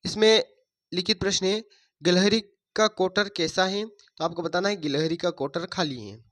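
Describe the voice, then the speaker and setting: A man's voice: sits high, moderate pace, a bit bright. A man teaching a workbook lesson, reading stories aloud and explaining answers step by step. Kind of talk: workbook lesson read-through.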